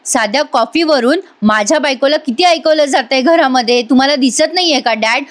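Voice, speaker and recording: A woman's voice: sits high, brisk, lightly acted. A woman voicing a hotheaded younger brother who accuses others defensively. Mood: accusing.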